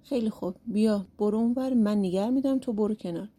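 A woman voicing a naive, eager male shepherd who is easily fooled, in a storybook reading with a husky voice. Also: medium pitch, dark tone, close to an everyday voice. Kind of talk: storybook narration.

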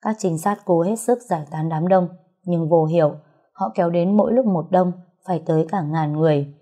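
A woman narrating a dramatic audio novel in a steady storytelling manner. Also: fairly low pitch, brisk.

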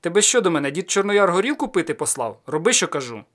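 A man voicing a calm, teasing cossack sorcerer in an audiobook, raised and loud when he dares his guest. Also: high-pitched, quick pace. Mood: loud, daring.

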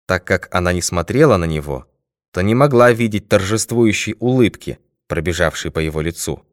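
Brief: male narrator for a classic detective audiobook, low and measured, dry studio read. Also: expressive, dry recording.

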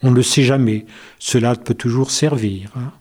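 A man's voice: mid-range voice, steady tone, normal speed, darkish tone, natural voice. A man voicing a male wolf who has lost his teeth, groaning and fearful, in a storybook reading. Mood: gentle. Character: male wolf, toothless, anxious then tender.

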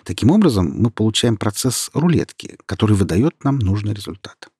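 Guy reading a proud sciencey young woman, husky, explains everything, dry close sound. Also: lowish voice, big pitch swings, brisk, a little mellow, dry recording. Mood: explaining. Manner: earnest, explaining at length. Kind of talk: audiobook character reading.

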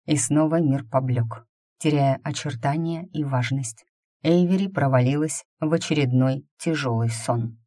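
A woman narrating a romantic fantasy novel in an even, measured voice. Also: low-pitched. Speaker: audiobook narrator. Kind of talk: scripted narration.

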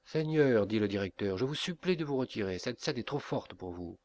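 A man's voice: medium pitch, expressive, a little fast, darkish tone, no echo, natural voice. A man playing a pushy theatrical churchman in an audiobook, dry close sound. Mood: insistent. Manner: theatrical, insistent. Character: theatrical severe male church director.

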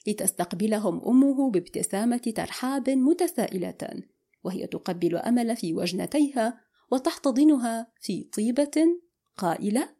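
A woman narrating a novel for an audiobook at a steady, unhurried pace. Her voice is dark and mellow, with a slightly husky edge. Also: fairly high pitch.

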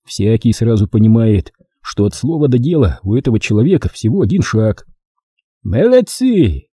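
A man narrates an audiobook in a very dark, warm, husky voice. His pitch rises and falls in an animated way, and the recording is dry and close. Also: brisk, no room sound. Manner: expressive, storytelling delivery. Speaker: audiobook reader. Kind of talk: scripted narration.

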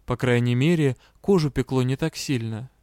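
A man's voice: medium pitch, moderate pace, a little mellow, no room sound, studio quality. A man reading a first-person fantasy audiobook as a scripted narration. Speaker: audiobook reader.

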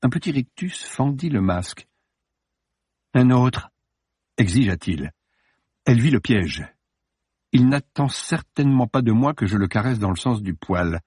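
A man narrating a novel in measured storytelling. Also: medium pitch, expressive, a little mellow, husky, no echo, studio quality. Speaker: audiobook narrator.

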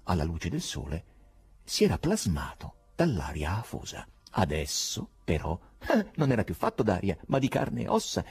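A man narrating an audiobook as a dramatic literary reading, with a husky voice and expressive, theatrical storytelling. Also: lowish voice.

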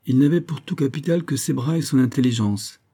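A man's voice: mid-range voice, fairly quick, mellow, pitched above the performer's own voice, natural voice. Man reading as a firm, self-assured colonel. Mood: earnest.

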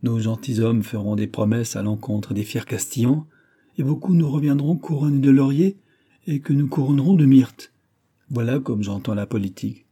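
A man voicing a lively, mocking young lady-in-waiting in an audiobook reading of a classic novel. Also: mid-range voice, normal speed, breathy edge, lightly acted. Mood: teasing. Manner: mocking, playful.

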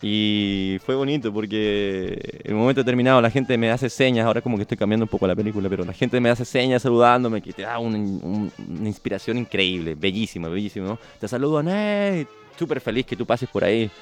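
A man being interviewed on the radio as a touring cyclist, telling stories in a reflective, halting way with sudden shouted reenactments. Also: lowish voice, soft background music. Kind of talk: radio interview, casual storytelling.

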